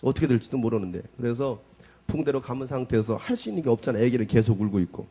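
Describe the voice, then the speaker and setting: A man's voice: mid-range voice, fast talker, breathy edge. A middle-aged man, a pastor, telling a personal story in a sermon and acting out the voices and cries of the people in it. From South Korea. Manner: animated storyteller, acts out cries and quotes.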